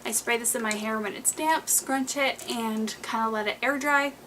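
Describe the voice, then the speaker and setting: A young woman with a somewhat high voice talks casually to camera in a home beauty vlog. She rambles, restarts and drops plenty of fillers, sounding a little out of breath. A faint hiss sits under the recording. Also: fairly even intonation, normal speed. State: slightly out of breath. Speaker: beauty vlogger. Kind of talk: casual monthly favorites vlog.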